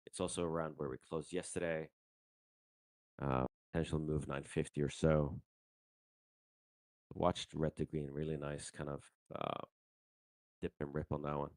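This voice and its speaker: A man gives casual live market commentary while trading, speaking into a handheld mic with fillers and mild swearing. His extremely low, darkish voice is flat and a little slow, broken by long pauses, and there's no echo.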